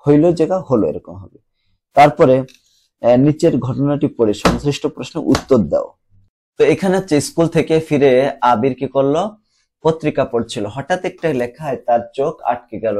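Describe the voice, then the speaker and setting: A man explains exam answers to students, patient and methodical, repeating words aloud to show how they should be pronounced. His voice is dark and mellow with a slightly husky edge. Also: medium pitch. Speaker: teacher. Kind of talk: exam question walkthrough.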